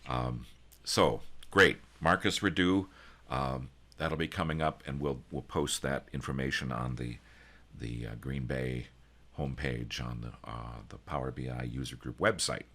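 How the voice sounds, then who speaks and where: Despite his very deep pitch, this user group organizer sounds bright and forceful, speaking unhurriedly with fairly even intonation. Presenting at a casual online meeting over video call, he's folksy and joking, full of ums and false starts.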